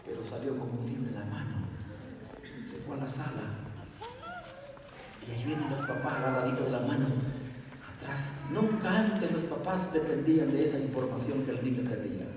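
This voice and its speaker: A male preacher telling a story in a sermon, animated and calling on the congregation to repeat after him. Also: medium pitch, normal speed, background noise. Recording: echoey hall, voice from far off.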